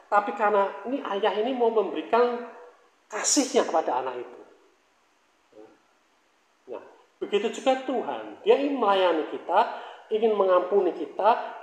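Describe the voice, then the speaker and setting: A man with a notably high voice preaching a sermon, conversational and loose, tossing rhetorical questions to the congregation. His voice rings in a reverberant room. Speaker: pastor.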